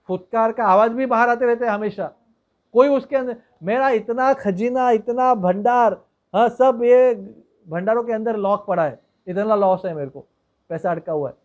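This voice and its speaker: A man's voice: sits high, a little slow, a little mellow. A man voicing a worried wealthy village merchant who complains about his locked storehouses. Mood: fretful.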